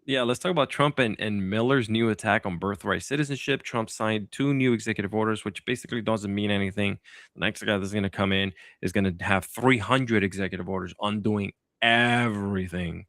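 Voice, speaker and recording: A man with a gravelly, fairly low voice hosts a casual political podcast. He rambles a little, restarts his sentences and drops sarcastic asides. The recording is dry and close, with no room sound. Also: a little fast, fairly bright tone, no echo. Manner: loose and sarcastic, with many fillers and restarts. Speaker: podcast host.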